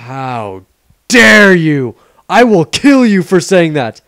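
A man's voice: a little high, expressive, moderate pace, no room sound, studio quality, lightly acted. A man voicing a boastful, sarcastic, short-tempered adventurer in a parody game dub, with theatrical exasperation.

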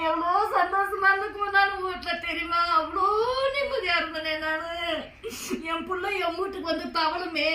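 A grieving village wife sobs out her lament in a very high, piercing voice, as a woman acts her out in a comic skit. The voice sits back from the mic in a roomy, echoing space with a faint hiss behind it. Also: bright, forceful tone, far from the mic. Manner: melodramatic wailing, sobbing lament. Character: grieving village wife wailing over lost baby.

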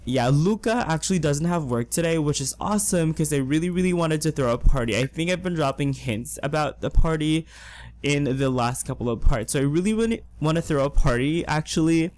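A hoarse young man chatting excitedly through casual gameplay commentary as a let's play host. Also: on the high side, fairly quick. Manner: chatty and excitable, gushing with slang. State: hoarse, losing his voice.

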